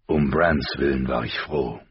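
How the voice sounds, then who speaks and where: A man's voice: rumbling low, a little slow, breathy edge, no echo, highs cut off, pitched below the performer's own voice, full character voice. A man voicing a grave, middle-aged northern lord who speaks coolly and formally, in an audiobook reading. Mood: stern. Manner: cool and formal.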